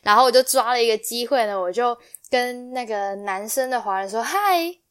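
A woman's voice: on the high side, normal speed, a bit bright, clean tone. A young woman from Taiwan, hosting a podcast and telling a personal story in a casual way, acting out the quoted exchanges as she goes. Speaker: podcast host.

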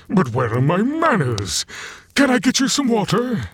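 A man's voice: sits high, huge pitch swings, measured pace, fairly bright tone, slightly rough, no echo, exaggerated voice. A man playing a chatty, theatrical Satan who hosts hell with gleeful mock courtesy in a comedic audio drama. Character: campy, chatty Satan as bureaucratic host of hell.

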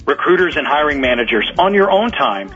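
A man with a slightly high voice delivers upbeat salesman patter in a scripted ad exchange. He is heard over a radio broadcast, and the sound is dull and lo-fi with faint music underneath. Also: big pitch swings, brisk, a bit bright. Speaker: guest pitching a product.

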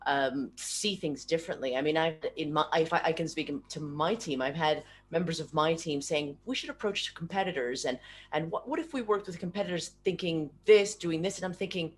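Over a video call that keeps breaking up, a woman interviews a guest using a computer or laptop mic. She thinks aloud, restarts her sentences and tags questions onto many of them, speaking fairly quickly in a low voice with slight background noise.

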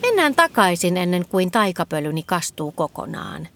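A woman's voice: fairly low pitch, sing-song, slight background noise. A woman voicing a playful, cheeky green magic fox in a storybook. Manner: bouncy, jokey storybook talk.

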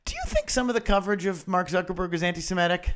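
A man co-hosting a podcast in casual chat, quick with jokes and quips. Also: sits high, a bit bright. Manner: jokey, quick quips, laughs often. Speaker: podcast co-host.

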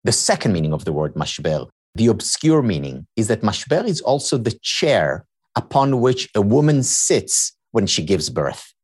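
Lowish and slightly rough, his voice is very animated at a moderate pace. The speaker, whose first language is Hebrew, is a happiness researcher and teacher on a podcast, giving explanatory interview answers in a lecturing style that layers each idea through repetition.

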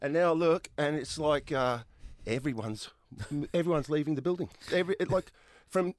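High-voiced Australian man, dry studio sound. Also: moderate pace, no room sound. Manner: animated, self-deprecating, rambling. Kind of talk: casual storytelling chat.

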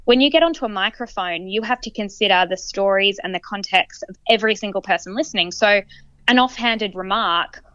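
A woman's voice: medium pitch, a little fast, fairly bright tone, clear, resonant tone, no room sound, dull audio. A woman co-hosting a podcast in casual chat, telling stories earnestly and with energy. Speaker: podcast co-host.

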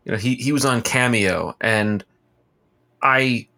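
A man co-hosting a podcast, talking casually with halting restarts. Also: mid-range voice, creaky, bright, forceful tone. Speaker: podcast co-host. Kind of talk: casual chat.

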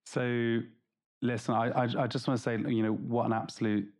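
A man's voice: medium pitch, little pitch movement, moderate pace, a little mellow. A man hosting a podcast interview, casual and agreeable, with many yeahs and ums. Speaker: podcast host. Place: indoor room.

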